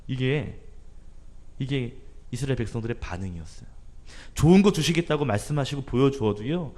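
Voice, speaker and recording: A man's voice: medium pitch, expressive, brisk, darkish tone. Man preaching in a conversational way. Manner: conversational preaching, asks the congregation for agreement. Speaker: pastor. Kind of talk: sermon at a Friday prayer meeting.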